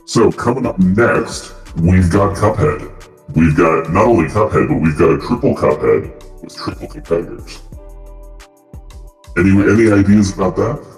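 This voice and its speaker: A man hosting a charity gaming stream, speaking through a deep pitch-shifting voice changer in a relaxed, chatty way. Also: normal speed, roomy sound, faint music behind. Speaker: marathon host. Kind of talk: casual stream commentary.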